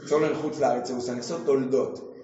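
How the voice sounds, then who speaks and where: A man, a rabbi giving a lively Torah class in a synagogue, quizzing his listeners and joking with them. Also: medium pitch, a little fast. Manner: jokes and quizzes the audience with questions. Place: synagogue hall. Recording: echoey hall, dull lo-fi sound.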